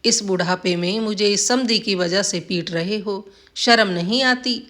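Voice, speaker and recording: A woman voicing a stingy, sharp-tongued old village wife. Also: mid-range voice, unhurried, lightly acted. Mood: wailing.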